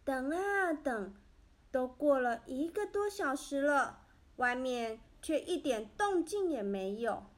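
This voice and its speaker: A woman narrating a children's story in a gentle, expressive way. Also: high-pitched, takes it slowly.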